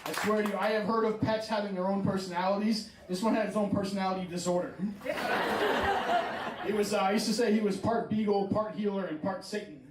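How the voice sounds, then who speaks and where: Higher-voiced male stand-up comic. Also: steady tone, brisk, heavy background noise. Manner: self-deprecating and conversational. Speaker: stand-up comedian. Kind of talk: stand-up storytelling. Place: stage before a live audience. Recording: echoey room with a far-off mic and a laughing crowd.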